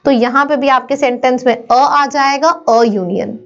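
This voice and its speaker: A woman with a high voice teaches an online grammar lesson. She asks her students questions and answers them herself in a brisk classroom drill. The recording sounds slightly dull and lo-fi.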